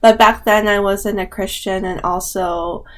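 A woman's voice: medium pitch, steady tone, unhurried. A woman in her thirties from Canada, a podcast guest who talks casually and hesitantly, with many fillers. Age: 30s. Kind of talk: casual chat.

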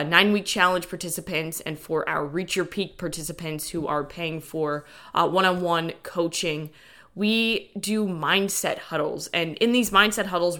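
Bright, forceful woman podcast host. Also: on the low side. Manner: informal, lightly sweary, addresses listeners as guys. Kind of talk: casual motivational solo podcast talk. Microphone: dedicated podcast microphone.

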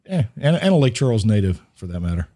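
Husky middle-aged man, lively storyteller. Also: fairly low pitch, fast talker. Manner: storytelling, acts out the people in his anecdotes. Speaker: podcast host. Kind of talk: casual podcast chat.

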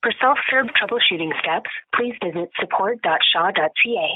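A woman reading scripted phone menu announcements in a measured, formal manner, recorded over a telephone line. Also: mid-range voice, lively intonation, husky. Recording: tinny, narrow telephone line.

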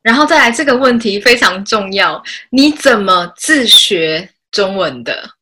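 A woman's voice: medium pitch, animated, a little slow, bright, forceful tone. A woman from Taiwan with a Taiwanese Mandarin accent, hosting a casual interview as a language teacher. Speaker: podcast host, Mandarin teacher.

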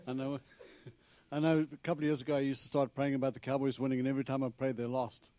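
This middle-aged South African visiting preacher has a Texan accent and speaks fast in a mellow, mid-range voice with a flat delivery. In church, he offers a humorous, chatty sermon, acting out his talks with God.

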